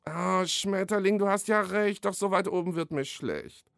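A cheerful, clumsy beaver from a storybook poem, voiced by a man. He speaks in a coaxing, raised voice and reads with steady rhyme, close and dry. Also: high voice, moderate pace, creaky, no echo, pitched above the performer's own voice. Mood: queasy.

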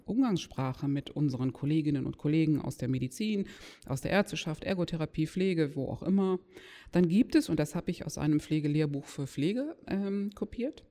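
Speaking in a dark, medium-pitched voice, a healthcare or nursing lecturer teaches an audience, leaning on key words and asking rhetorical questions. Long reverb from an echoey hall surrounds the recording.

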